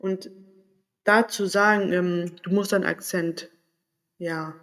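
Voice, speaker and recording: Speaking slowly in a high-pitched, steady voice with a bit of brightness, this man reflects candidly in his personal vlog. He comes from around Berlin, Germany, and searches for words while thinking aloud.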